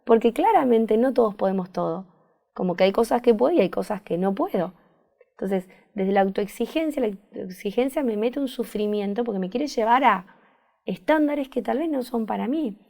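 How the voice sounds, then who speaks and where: Woman, Rioplatense Spanish accent, gravelly fry, therapist guest, reflective, searches for words. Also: a little high, animated, moderate pace, mellow. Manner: thoughtful, searching for words, repeats phrases. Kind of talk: reflective conversational interview.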